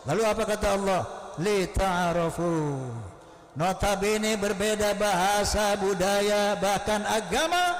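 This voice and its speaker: Old preacher guy in his 70s, high voice, chants the arabic bits, big echoey mosque hall. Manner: lively preaching, rising into chanted Arabic recitation. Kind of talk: sermon. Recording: roomy hall with long echo.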